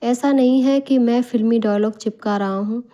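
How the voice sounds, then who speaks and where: A woman reading as an eager young man in a bedtime storybook, earnest and a little pleading. The voice stays mellow and warm, close to a plain reading voice. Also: on the high side, fairly even intonation, normal speed, lo-fi sound, lightly acted.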